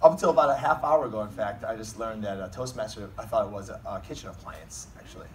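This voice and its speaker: A man's voice: on the low side, fast talker. A man delivering a comedic best man's wedding speech in a joking, teasing, informal manner. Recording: distant mic, noisy room recording.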